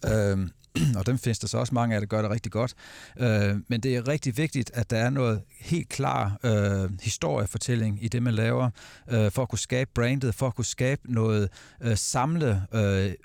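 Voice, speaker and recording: A man speaking as a guest in a casual panel discussion, pausing often with fillers and restarting sentences. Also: mid-range voice, gravelly, darkish tone, no room sound, studio quality. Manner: hesitant, many fillers and restarts.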